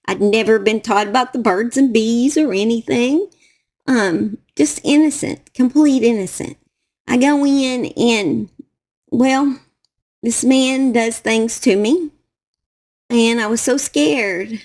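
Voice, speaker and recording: A middle-aged woman with a Southern US accent tells a personal story to camera, halting, emotional and repeating her phrases. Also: on the high side, a little mellow. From Southern United States. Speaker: true crime YouTuber.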